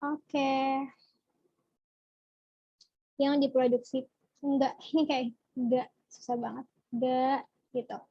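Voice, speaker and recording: In a casual online biology class, a young woman with a bright, high voice chats with her viewers, posing questions and responding to what comes in on chat. The sound has no room tone and is dry and a bit dull, suggesting a simple home setup.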